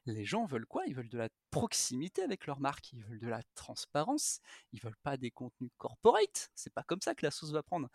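A man's voice: fairly high pitch, creaky, no room sound, studio quality. A man speaking as a podcast guest, talking frankly and animatedly about content strategy, with frequent fillers and restarts. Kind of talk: casual podcast conversation.

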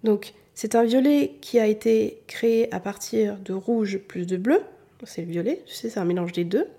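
Patient woman, warm husky voice. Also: mid-range voice, normal speed. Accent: southern French, mostly hidden. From southern France. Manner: patient, addresses the listener directly, repeats key points. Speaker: colour analysis consultant. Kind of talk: explanatory talk to the viewer.

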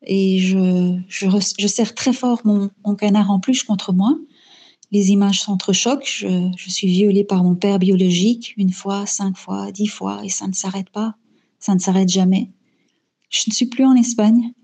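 A woman recounts her own story in the first person, pausing often on fillers and repeating words as she searches for them. Her voice is mellow and warm, with a husky, breathy edge. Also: medium pitch, steady tone. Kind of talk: first-person spoken testimony. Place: lives in Belgium.

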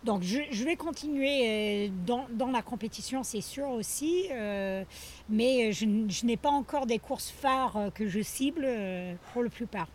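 A woman's voice: on the high side, a little slow, slight background noise. A woman guest in a casual interview, talking hesitantly with many fillers. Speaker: guest athlete.

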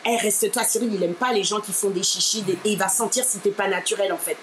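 A woman from Martinique tells a story with lots of energy and drama, jumping into the voices of the people she quotes. Her pitch sits in a middle range, and a clear layer of background noise runs under the recording. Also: fast. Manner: expressive, acts out quoted people, keeps saying "ma chère". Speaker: interview guest, radio presenter. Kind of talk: animated personal storytelling.

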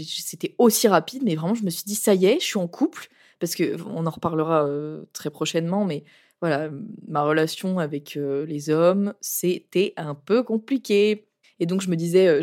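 A young woman hosting a podcast, telling personal stories casually and candidly in exasperated slang, her voice roughened by a cold. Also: mid-range voice, a little mellow. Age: young adult. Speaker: podcast host.

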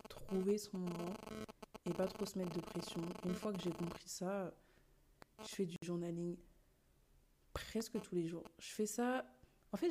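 A woman's voice: on the low side, background noise. A young woman hosting a podcast, talking casually and expressively to her listeners, tossing in English words. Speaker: podcast host. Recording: poor sound quality.

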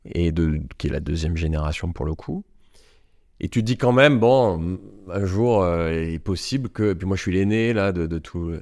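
Deep-voiced man with a Marseille accent. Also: moderate pace, a little mellow, no echo, clean studio sound. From Marseille, France. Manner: rambling storytelling with many restarts. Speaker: guest entrepreneur. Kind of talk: casual podcast interview.

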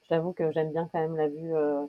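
A woman's voice: deep voice, little pitch movement, a little fast. A woman in her thirties, from France, being interviewed. She talks casually, with many hesitations and frequent laughter. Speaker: interview guest. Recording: dull lo-fi sound.

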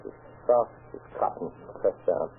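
An actor playing a sly, precise smuggler with a very husky voice and clipped, formal English in an old crime film. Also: male voice, moderate pace, close to an everyday voice. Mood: matter-of-fact. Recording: tinny, phone-like old film soundtrack.

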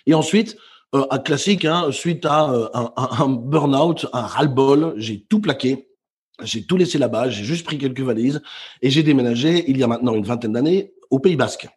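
A man's voice: mid-range voice, moderate pace, slightly rough. A middle-aged man from Belgium, a professional speaker, recounting his career in a podcast interview with frequent hesitations. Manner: animated storyteller with frequent hesitations. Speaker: guest speaker. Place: remote call from home.

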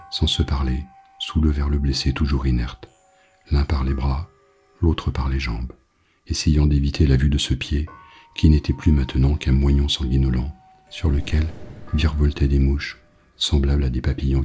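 A male audiobook narrator with an extremely deep, dark voice. He reads in a grave, measured way, letting each phrase land. The tone stays mellow and low throughout.

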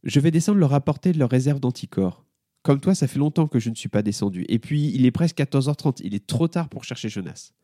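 A man's voice: medium pitch, expressive, a little fast, mellow, dry recording, clean studio sound, voice pushed up, close to an everyday voice. A man voicing a confused young schoolboy who hesitates and stammers in a children's story. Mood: puzzled. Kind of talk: storybook character voice.

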